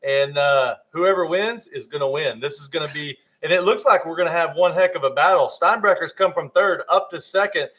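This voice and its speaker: A man doing live race commentary at a motocross event, excitable and friendly, giving shout-outs to viewers. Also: a little high, fairly quick, few pauses.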